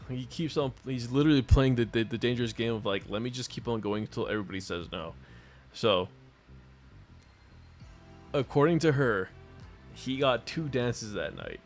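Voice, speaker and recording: A man's voice: medium pitch, measured pace, pauses often, soft background music. A man streaming a video game, telling a long story in a casual, profane, rambling way and laughing often. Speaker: gaming streamer.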